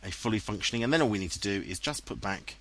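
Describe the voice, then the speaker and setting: A man's voice: fairly low pitch, animated, fast, a bit bright. A man with an English accent, giving casual, self-mocking commentary over his own gameplay footage. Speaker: let's play commentator. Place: home room, voice-over recorded later. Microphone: headset, dubbed in post-production.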